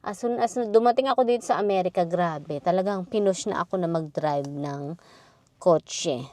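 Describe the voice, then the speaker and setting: A woman's voice: fairly low pitch, normal speed, mellow, dry recording. A woman from the Philippines telling a personal story on her vlog in a candid, chatty way. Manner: chatty and candid, recounting with frequent quoted dialogue. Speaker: vlogger.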